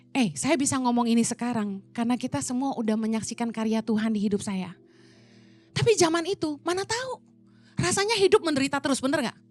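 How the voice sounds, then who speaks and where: Middle-aged woman from Indonesia, high voice, relaxed conversational sermon with playful acted-out dialogue, soft music underneath. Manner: chatty, colloquial, acts out quoted voices. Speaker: preacher. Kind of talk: casual storytelling sermon.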